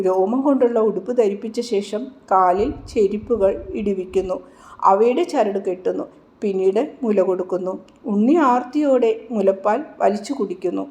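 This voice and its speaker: A woman narrating a devotional story aloud in a slow, reverent manner. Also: mid-range voice, mellow.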